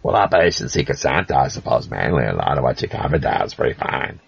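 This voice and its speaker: Male podcast guest, relaxed and plain, rock-bottom husky voice, muffled lo-fi audio. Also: a bass voice, fast talker. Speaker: regular guest. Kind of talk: casual chat. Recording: dull lo-fi sound.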